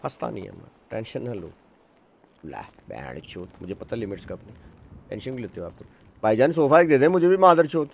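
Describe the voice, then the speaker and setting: A man streaming a role-play game, talking loudly and crudely into a headset and swearing often. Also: mid-range voice, big pitch swings, brisk, vocal fry, slight background noise. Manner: loud, crude, swears a lot.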